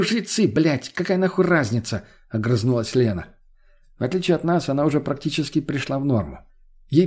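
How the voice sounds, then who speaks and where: Male audiobook narrator, first person, even and steady. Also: mid-range voice. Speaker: audiobook reader.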